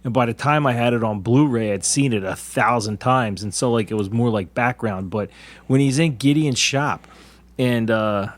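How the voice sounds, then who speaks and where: A man in his forties talks about a film in a chatty, casual way, eagerly going over small details he noticed. His voice sits at an ordinary middle pitch for a man. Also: moderate pace. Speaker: podcast co-host. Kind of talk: casual movie discussion.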